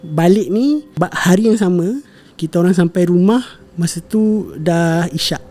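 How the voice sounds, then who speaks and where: Dark-voiced young man telling a story. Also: high voice, normal speed. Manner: rambling retelling with frequent fillers and self-corrections, mixing in English words. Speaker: guest sharing a family story. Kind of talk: casual storytelling conversation.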